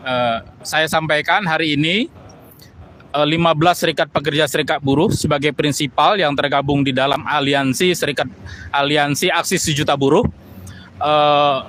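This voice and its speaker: A man with an Indonesian accent giving a deliberate, halting public statement to protesters as a union spokesman, often adding "ya". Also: fairly high pitch, fairly bright tone, slight background noise. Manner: deliberate, halting, repeated 'ya' tags.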